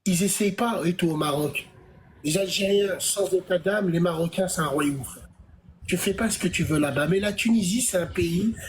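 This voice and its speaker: A man's voice: high voice, normal speed. A man hosting a casual live debate in colloquial French peppered with Maghrebi slang, with some noise on the stream.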